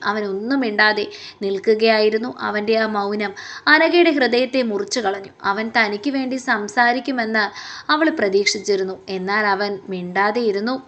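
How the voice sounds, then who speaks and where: A woman narrating a romance audiobook in a steady, expressive reading. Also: mid-range voice. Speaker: storyteller. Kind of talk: scripted story narration.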